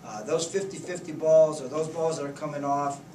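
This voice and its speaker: A man in his fifties, a head coach giving plainspoken, halting postgame answers at a press conference table. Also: on the high side, fairly even intonation, mellow. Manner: plainspoken, halting, restarts often. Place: press conference room, indoors. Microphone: table mics, heard from a distance. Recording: echoey room, distant mic, noisy.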